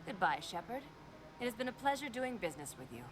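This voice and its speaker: An actress playing a scheming female alien diplomat who speaks smoothly and condescendingly. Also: fairly high pitch, very animated, fast talker, background noise. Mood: calculating.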